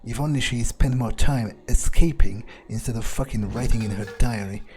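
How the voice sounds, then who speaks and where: Over music, a man speaks at a medium pitch and normal speed, doing in-character gaming commentary as a let's player. He plays a cynical, sardonic, foul-mouthed male vampire, thinking aloud hesitantly with dry sarcasm and plenty of swearing.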